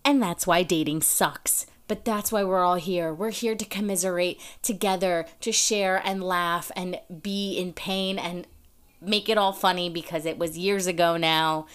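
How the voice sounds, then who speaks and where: A woman's voice: fairly low pitch, fairly even intonation, unhurried, fairly bright tone, smooth. A young woman hosting her own podcast, telling a dating story in a chatty, sarcastic way with lots of "like" fillers. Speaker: podcast host. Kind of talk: casual storytelling monologue.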